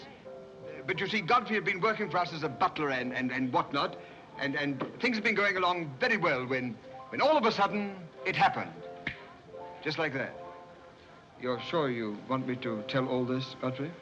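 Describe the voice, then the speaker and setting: A man's voice: a little high, lively intonation, a little fast, muffled recording, lightly acted. Man doing a hearty rich playboy, joking and stammering, old film sound, music behind. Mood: jovial. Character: jovial, breezy rich society man. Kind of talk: 1930s screwball film acting.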